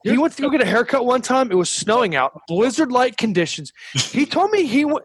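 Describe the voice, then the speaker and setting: A man's voice: very high-pitched, big pitch swings, brisk, slightly rough, dry recording, low-quality recording. A man telling casual podcast stories in heavily profane, slangy, emphatic military talk. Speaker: former military staff sergeant telling stories.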